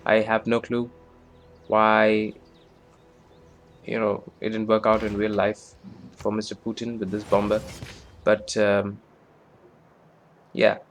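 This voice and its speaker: A man with a fairly low voice gives casual commentary on a strategy game. He rambles and stumbles over his words, filling gaps with ums and uhs, and often pokes fun at himself. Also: monotone, slow pace, long pauses, slight background noise. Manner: rambling, self-deprecating, many fillers. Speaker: gameplay commentator. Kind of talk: casual let's-play commentary.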